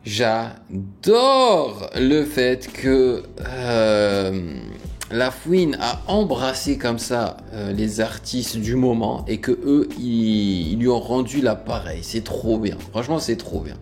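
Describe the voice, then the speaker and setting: A man's voice: medium pitch, expressive, slow pace, a little mellow. A man in his late thirties hosting a music reaction, talking casually and frankly with lots of fillers and restarts. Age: late 30s. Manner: frank, rambling, many fillers.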